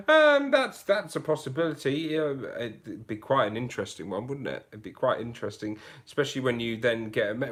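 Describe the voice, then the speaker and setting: Man, livestream host, casual chat, reading viewer comments, mid-pitched voice, musing aloud, frequent restarts.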